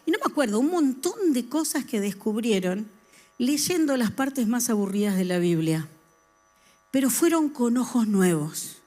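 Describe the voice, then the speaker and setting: Middle-aged woman preaching, kinda high voice, keeps asking the crowd stuff. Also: measured pace. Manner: lively, talks with the congregation and asks them questions. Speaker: church speaker. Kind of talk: sermon.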